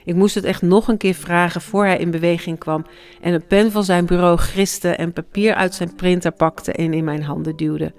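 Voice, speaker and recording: A hushed, reflective memoir narrator. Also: mid-range voice, fairly even intonation, normal speed, clear, resonant tone. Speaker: grieving parent narrating. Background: faint music.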